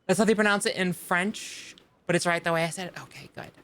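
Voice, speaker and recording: A woman with a lowish, steady, somewhat bright voice speaks briskly while live-streaming a video game. She chats casually and rambles straight to her live chat, full of fillers and restarts.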